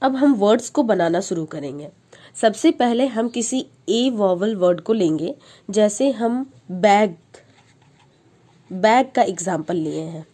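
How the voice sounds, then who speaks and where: A woman's voice: medium pitch, animated, normal speed, mellow. A woman teacher, patiently explaining a phonics lesson for parents and sounding out letters.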